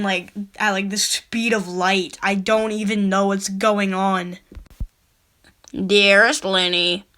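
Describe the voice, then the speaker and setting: A woman's voice: mid-range voice, a bit bright. Incredulous young woman critiquing a story. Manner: incredulous, quick questioning, laughing often. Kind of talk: casual reading and critique.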